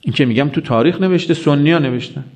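A preacher with a fairly high, slightly mellow voice gives a religious sermon. He tells stories, acting out quotes, and asks his listeners rhetorical questions.

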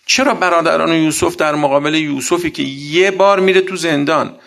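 A man giving a sermon, arguing with many rhetorical questions and reciting Quranic verses, swinging between loud outbursts and quiet asides. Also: a little high, steady tone, gravelly. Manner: argumentative, full of rhetorical questions. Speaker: religious speaker.

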